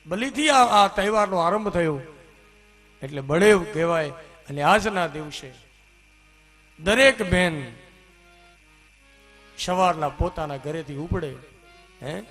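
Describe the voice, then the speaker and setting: A man preaching a religious story discourse, in an animated manner that rises to loud exclamations. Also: sits high, slow pace, long pauses, faint music behind. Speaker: katha preacher. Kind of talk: sermon storytelling.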